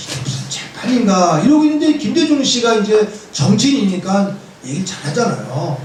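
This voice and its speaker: High-voiced older man lecturing in an echoey church. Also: a little hiss or hum. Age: 70s. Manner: lively storytelling with wry humor. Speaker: priest giving a Bible lecture. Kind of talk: conversational Bible lecture. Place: church hall. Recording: very echoey church hall from far off.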